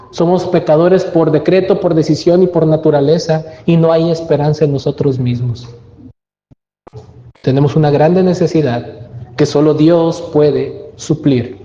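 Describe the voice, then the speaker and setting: A man's voice: on the high side, warm tone, echoey room, long reverb tail, lo-fi sound. A man preaching a sermon as pastor, emphatic and full of rhetorical questions. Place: church.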